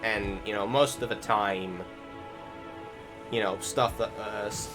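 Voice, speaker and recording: A game video commentator with a fairly low voice talks slowly and steadily as loud music plays behind him. His casual voice-over on the gameplay rambles as he searches for words, and the informal language includes the occasional swear word.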